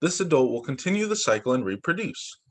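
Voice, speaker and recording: Over a video call's computer mic, a male teacher reads picture books aloud to children in a lively, fast, mid-range voice. He peppers the reading with asides and exclamations.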